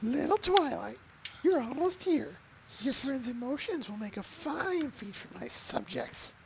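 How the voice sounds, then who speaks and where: A woman voicing a scheming female changeling queen villain in a hushed, sneering, drawn-out way, in an amateur comic read-through. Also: sits high, sing-song, creaky, noisy background, full character voice. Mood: menacing.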